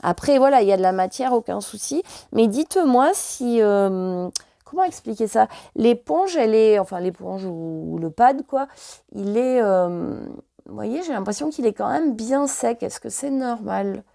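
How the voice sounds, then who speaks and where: A woman's voice: fairly high pitch, lively intonation, unhurried, gravelly, mellow, no echo, clean studio sound. A French woman vlogger chatting casually and hesitantly, full of fillers, while showing her purchases. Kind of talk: casual chat.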